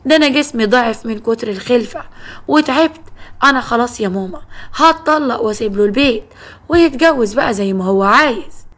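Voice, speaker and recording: A woman's voice: fairly high pitch, animated, fast, fairly bright tone. A woman voicing a wronged young wife with an Egyptian accent who pleads and complains. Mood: pleading.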